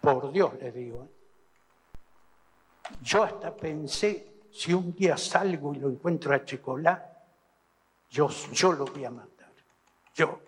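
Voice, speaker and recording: A man with an Argentine Spanish accent giving halting testimony, repeating and restarting as he retells events, in an archive recording. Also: on the high side, a little hiss or hum. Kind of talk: recounting testimony. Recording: archive recording in an echoey hall.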